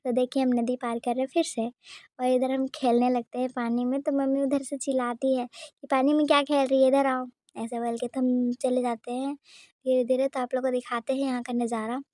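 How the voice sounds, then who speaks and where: A woman tells her vlog story over the footage in a high but mellow voice, with little rise and fall in her pitch. She talks in a simple, chatty way and often pauses to think. The recording is dry and close. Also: flat delivery, no echo. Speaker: vlogger. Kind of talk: casual vlog voice-over narration.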